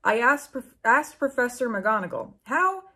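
Sitting indoors in a small bookshelf-lined room at home, a YouTube host in her twenties reads fanfiction out loud and reacts with theatrical, incredulous comic commentary full of swearing. She sounds husky, mid-range and expressive, at a moderate pace.

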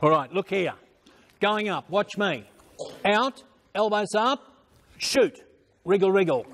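A man's voice: high voice, expressive, slow, a bit bright. An older man working as a swim coach, calling out short, repeated drill instructions and counts across an indoor pool. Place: large indoor swimming pool. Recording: noisy indoor pool, splashing ambience.

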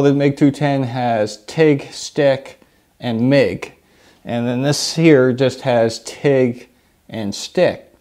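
A man in his thirties hosting a workshop video, talking casually to the camera in an indoor home shop with a lapel mic, relaxed and rambling with lots of fillers. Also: medium pitch.

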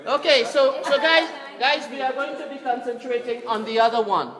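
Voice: high-pitched, moderate pace, crowd noise. A tour guide leading a group through a cave, giving instructions and repeating directions, recorded from a visitor's camera. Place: inside a dark cave. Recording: echoey cave from far off.

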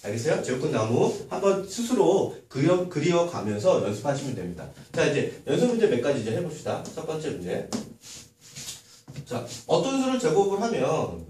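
Male math teacher, animated classroom delivery with constant rhetorical questions; distant mic, room echo. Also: on the high side, normal speed. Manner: lively, asks many rhetorical questions. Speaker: middle school math teacher. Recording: echoey room, far from mic, faint noise.

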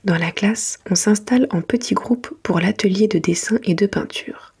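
A woman reading a children's picture book in a soft, gentle whisper, as ASMR for bedtime. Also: medium pitch, normal speed. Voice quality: breathy, mostly whispered soft voice.

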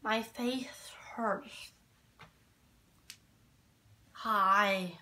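Slow, slurred young woman after wisdom teeth removal. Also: medium pitch, pushed and bright, a little hiss or hum. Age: young adult. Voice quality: slurred, thick-tongued speech. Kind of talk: casual chat. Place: small bedroom, seated on a bed. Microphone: phone held nearby.

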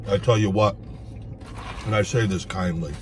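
A man's voice: on the low side, normal speed, darkish tone, a little hiss or hum. A man talking while eating, blunt and profane, in a casual food vlog from a parked car. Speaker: food vlogger.

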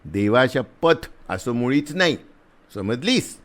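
A man playing a big, rough soldier who is blustering but kind, talking loudly in a scolding, teasing way. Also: mid-range voice, big pitch swings, takes it slowly.

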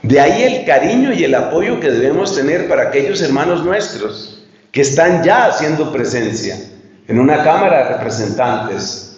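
A man's voice: mid-range voice, a little mellow. A man, a priest giving an earnest retreat talk and putting questions straight to his listeners. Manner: earnest, speaks straight to the audience, poses questions. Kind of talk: lecture to a retreat group. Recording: echoey room, dull lo-fi sound.

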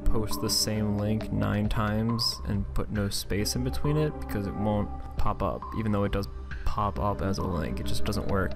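A man with a slightly low, very creaky voice hosts a casual online commentary. He talks in loose, rambling asides. Music is clearly heard behind his voice. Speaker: YouTube channel host. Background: background music.

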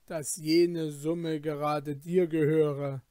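A commanding caliph passing judgment in a storybook, measured and authoritative, slow and deliberate, as a male reader plays him. A dry, close recording with no room. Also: fairly high pitch, flat delivery, mellow, no echo. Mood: stern.

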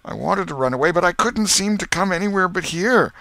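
Man acting storybook town drunk, accused and frightened, high-pitched wail, pleading, sobbing, broken rustic grammar, dry close sound. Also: lively intonation, fairly quick, gravelly, bright, forceful tone, dry recording, heavily acted. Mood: moaning despair.

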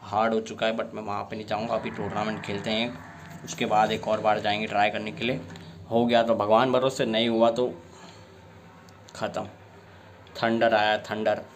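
A young man with a sore throat giving excitable live commentary while playing a fighting game, often bursting into exasperated complaints. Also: lowish voice, normal speed, pauses often. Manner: excitable, frequent exasperated outbursts. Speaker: gameplay streamer.

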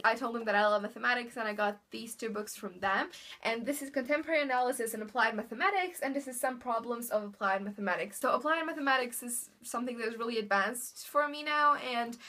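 A young book vlogger with a Bosnian accent chats cheerfully about her new books in front of the bookshelves in a room at home, using many fillers and "really". Her voice is fairly high with a sharp tone, recorded by a camera in front of her.

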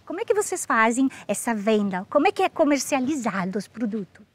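A woman's voice: on the high side, sing-song, a little fast, no room sound. A woman playing Fiorella, a chatty clown cook in a nonna costume, hosting a comic farm interview outdoors. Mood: curious. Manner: bubbly, rambling, sing-song questions. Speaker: show host in character.

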